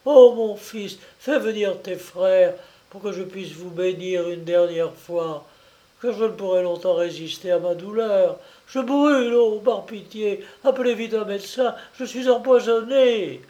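A man voicing a dying, poisoned old mother, a duchess, crying out and pleading in a high, anguished voice. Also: unhurried, mellow.

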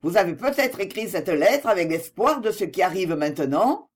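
A man's voice: high-pitched, sing-song, moderate pace, breathy edge, exaggerated voice. A reader voicing a bitter, jealous man in an audiobook, speaking sharply and sarcastically in a raised, strained voice. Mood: angry. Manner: sharp, sarcastic and pleading by turns. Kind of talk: audiobook dialogue reading.

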